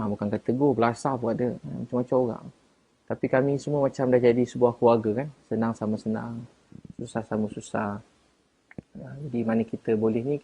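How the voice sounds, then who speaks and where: A man with a Malaysian Malay accent, chatting casually on a live stream as he answers viewers and defends himself, getting louder and higher at times. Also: husky.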